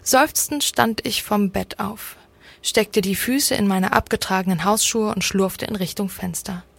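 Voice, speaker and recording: Husky-voiced woman reading a story. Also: mid-range voice, unhurried, no room sound. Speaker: story reader. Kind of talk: scripted story narration.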